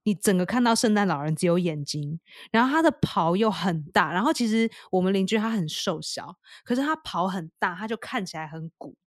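A woman telling a funny story in a casual chat, laughing often and acting out quotes in higher voices. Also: animated, a little fast, few pauses, dry recording, studio quality. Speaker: podcast co-host.

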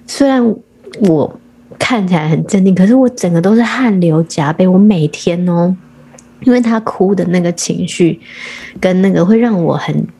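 A woman's voice: fairly low pitch, normal speed, creaky, warm tone, husky. A woman, telling a long story as a podcast guest in casual chat, often restarting her sentences.

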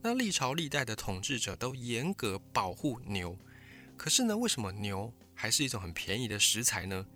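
Bright-voiced man explaining history. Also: mid-range voice, big pitch swings, moderate pace, faint music behind. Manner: explanatory, storytelling. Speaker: history channel host. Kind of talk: scripted history talk.

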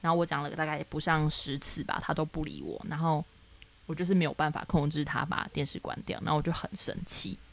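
A young woman from Taiwan, co-hosting a podcast, telling her dreams in animated casual chat full of fillers. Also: low voice, fast, gravelly. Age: young adult. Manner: animated storytelling with many fillers. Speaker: podcast co-host.

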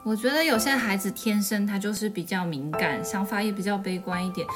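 A woman's voice: mid-range voice, fairly quick. Woman storytelling over music. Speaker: storyteller and co-host. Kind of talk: children's story narration and parenting chat. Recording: music under the voice.

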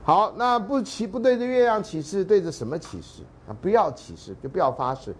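A male university lecturer with a Taiwanese Mandarin accent, giving a joking, animated classroom lecture. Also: high-pitched, brisk, a little hiss or hum. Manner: animated and joking, drops into dramatic readings and half-sung lines.

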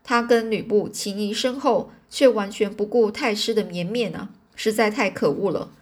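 A woman's voice: medium pitch, moderate pace, close to an everyday voice. A woman reading a storybook, voicing a young female palace beauty who pleads tearfully.

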